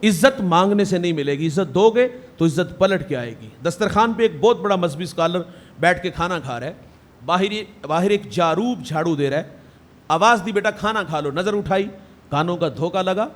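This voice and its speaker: A male preacher with a fairly high voice delivers an emotive sermon. He speaks in rhythmic, swelling phrases and acts out the people in his stories. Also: lively intonation. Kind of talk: Urdu religious sermon with storytelling.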